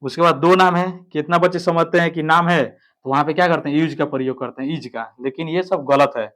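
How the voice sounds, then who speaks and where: A man's voice: on the high side, a little fast, a bit bright. Man teaching grammar, step by step. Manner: explains step by step, keeps checking with "ठीक है". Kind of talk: online grammar lesson.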